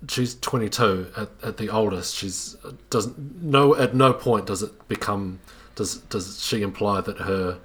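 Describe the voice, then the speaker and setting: A man's voice: lowish voice, a little slow, few pauses. A man in casual conversation, thoughtfully breaking down a film scene with frequent restarts. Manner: thoughtful, many restarts while building a point. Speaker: podcast co-host discussing a film.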